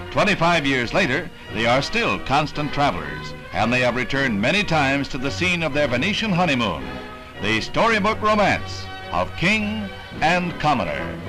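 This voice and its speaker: A man's voice: mid-range voice, low-quality recording. An American man reading scripted 1960s newsreel narration in a formal, dramatic announcer's delivery. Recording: vintage newsreel soundtrack with music. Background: newsreel music.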